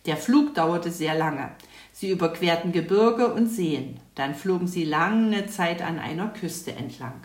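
Narrator: woman, lower voice, calm storybook reading, roomy echo. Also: unhurried.

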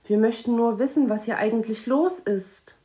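A woman voicing a kind, earnest young boy who talks in a gentle, reassuring way. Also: a little high, normal speed, voice pushed up, natural voice.

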